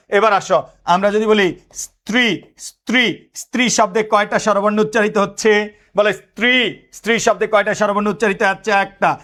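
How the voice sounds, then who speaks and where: A man's voice: sits high, fairly bright tone. A man in his thirties teaching an exam-prep lesson, drilling students with repeated questions and mixing in English words. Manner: code-switches into English words.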